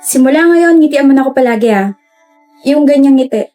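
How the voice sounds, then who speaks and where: A woman's voice: high-pitched, fairly quick, mellow, faint music behind, lightly acted. A young woman playing a shy, self-conscious female college student who gets flustered and teasing in a skit. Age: young adult. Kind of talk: skit role-play.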